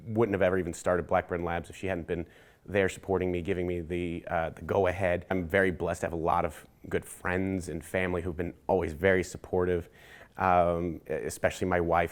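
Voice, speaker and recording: A middle-aged man, a company CEO, speaking in a relaxed, grateful award testimonial. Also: low-pitched.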